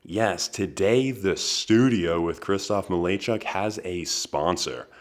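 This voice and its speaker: A man in his twenties hosting a podcast, delivering a comedic monologue in a dry, deadpan manner with wry asides. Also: low-pitched, takes it slowly. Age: 20s. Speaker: podcast host.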